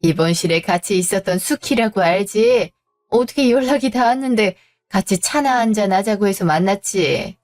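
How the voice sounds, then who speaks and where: A woman's voice: medium pitch, expressive, moderate pace, a little mellow, soft background music, lightly acted. Woman doing a kindly chatty older mother. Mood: warm. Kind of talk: scripted audio drama.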